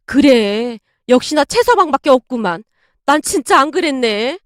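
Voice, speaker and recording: A woman's voice: high voice, animated, moderate pace, no echo, clean studio sound. A woman voicing an elderly widowed grandmother who speaks with indignant, old-fashioned phrasing. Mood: aggrieved.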